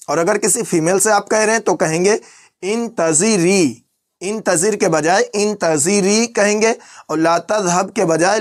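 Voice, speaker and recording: A man teaching phrases in a language lesson, repeating each one slowly word by word. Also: high voice. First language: Urdu. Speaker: Arabic teacher.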